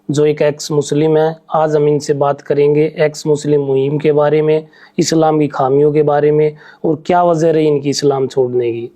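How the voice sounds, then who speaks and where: A man's voice: a little high, warm tone. A man hosting an interview, asking direct, probing questions. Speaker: interviewer host.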